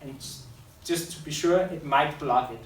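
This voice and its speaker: A man who is a public speaker and school teacher gives a loose, unscripted talk to an audience, often correcting himself mid-sentence. His voice is a little high and moderately paced, recorded from a distance in an echoey room with faint hiss.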